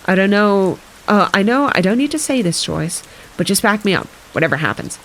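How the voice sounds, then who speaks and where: Woman reading as a brisk scheming old lady sleuth. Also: mid-range voice, animated, fairly bright tone, a little hiss or hum, low-quality recording. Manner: brisk and commanding, fakes weeping.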